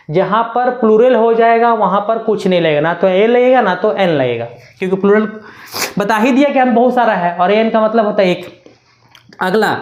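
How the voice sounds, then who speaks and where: A woman's voice: medium pitch, a little mellow, reverberant. A woman teaching a beginners' grammar lesson, repeating points and checking in often. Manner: repetitive, keeps checking with "na". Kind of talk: classroom lesson.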